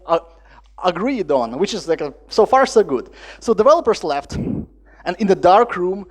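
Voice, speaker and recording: Guy giving a conference talk, kinda high voice, tells stories lively, slightly off english phrasing. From Latvia. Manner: lively storytelling with acted-out dialogue and non-native phrasing. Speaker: conference speaker.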